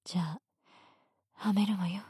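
A woman voicing a teasing, domineering female teacher in a whispered roleplay, speaking in a soft, breathy, bossy way. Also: medium pitch, fairly even intonation, normal speed, dry recording, studio quality. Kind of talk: erotic ASMR roleplay.

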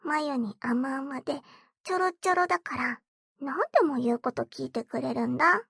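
A woman's voice: sits high, normal speed, creaky, fairly bright tone, dry recording, clean studio sound. A woman voicing a bratty, teasing young stepsister girl in a whispered role-play, taunting and giggly as she coaxes.

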